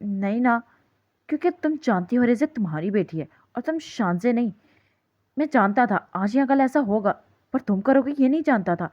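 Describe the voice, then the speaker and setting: A woman's voice: a little high, lively intonation, lo-fi sound. A woman voicing a worried father who speaks with wounded reproach in an audiobook story. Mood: worried, reproachful. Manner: pleading, reproachful.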